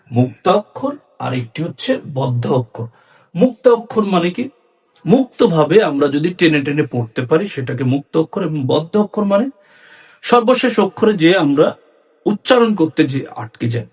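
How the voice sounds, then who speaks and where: A Bangladeshi Bengali-accented man teaching a lesson on syllables in a clear, measured way, with lively rises and falls in his voice. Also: a little high. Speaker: speech and debate instructor.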